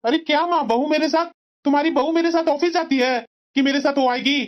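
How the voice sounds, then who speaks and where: A woman's voice: high voice, brisk, natural voice. A woman voicing an irritable young husband who snaps and complains at his family, in a cartoon story. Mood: irritated. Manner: snapping, complaining. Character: irritable young husband, short-tempered son. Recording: dull lo-fi sound.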